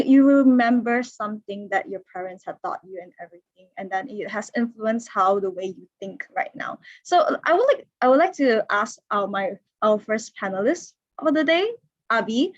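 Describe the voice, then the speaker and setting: Hosting an online panel as moderator, this 21-year-old woman keeps things chatty and casual, leaning heavily on "like" and frequently restarting sentences. Recorded via video call, her slightly high voice sounds muffled, with no room sound.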